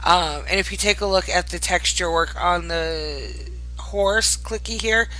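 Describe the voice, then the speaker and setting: A woman's voice: fairly low pitch, measured pace, bright, forceful tone, poor audio. A tired woman hosting a casual showcase of items in a game world, talking in a fond, gushing manner. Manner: gushing, fond of cute things. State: tired late at night. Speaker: host presenting new items in a virtual game world.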